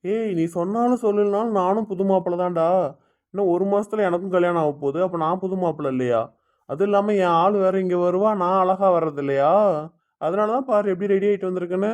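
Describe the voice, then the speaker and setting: A man's voice: high-pitched, a little fast, darkish tone, close to an everyday voice. A man voicing a young friend who is about to marry and banters boastfully, in an amateur family drama. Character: young groom-to-be, the joking friend.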